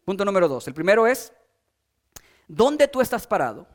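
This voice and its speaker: A man preaching a sermon as pastor, building emphasis through repetition and dropping into soft, low asides. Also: very animated, normal speed.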